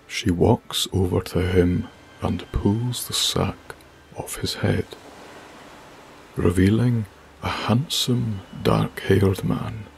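Deep, gravelly, slow sleep-story narrator man. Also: fairly even intonation, a little hiss or hum. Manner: soft, hushed, breathy.

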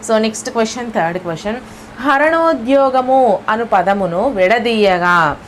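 A woman's voice: a little high, expressive, measured pace, slight background noise. Telugu-accented woman teaching, morning voice. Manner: explains step by step, often checks with "okay?". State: early-morning voice, lower than usual. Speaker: exam prep teacher. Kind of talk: online exam lesson.

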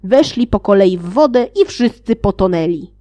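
A woman reading a fairy tale aloud, playful, with sarcastic asides and loudly acted quotes. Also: animated, normal speed. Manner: reads with sarcastic asides and laughs; acts out shouted quotes with raised pitch. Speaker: audiobook reader.

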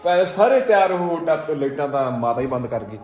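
A man's voice: fairly high pitch, expressive, fairly quick, a little mellow, faint music behind. Chatty Punjabi man hosting a vlog. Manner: chatty, joking banter with friends. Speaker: vlog host, pigeon keeper. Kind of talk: casual vlog chat.

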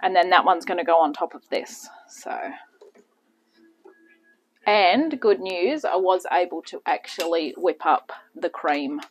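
A woman's voice: lowish voice, measured pace, breathy edge, soft background music, low-quality recording. Woman, casual cooking demo, rambling asides, home kitchen, phone camera on the counter. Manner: chatty, self-deprecating, rambling asides. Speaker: home cooking channel host.

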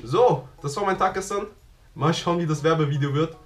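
A man's voice: on the high side, a little fast, over loud music. Chatty young man vlogging on the street. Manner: chatty, laughs often, slangy. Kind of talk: casual vlog chat. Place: city street at night, then a bedroom. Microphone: action camera held at arm's length.

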